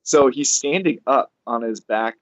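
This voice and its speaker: A man who is a coach, a guest on a podcast, telling stories in casual conversation with lively delivery and frequent laughter. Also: medium pitch, a little slow, rough recording. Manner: animated, laughs often, acts out voices in anecdotes. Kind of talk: casual interview storytelling.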